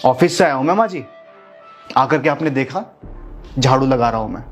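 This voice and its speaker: A man's voice: mid-range voice, animated, normal speed, faint music behind, close to an everyday voice. An actor playing a defiant, angry husband who taunts and insults his mother-in-law. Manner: taunting, shouting.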